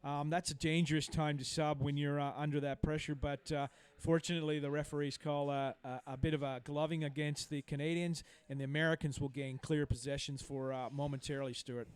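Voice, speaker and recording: Man, live sports co-commentary, rambling, lots of uhs, fairly flat intonation, clear tone. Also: a little high, a little fast, few pauses. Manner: rambling, many fillers, cheerful banter with co-host.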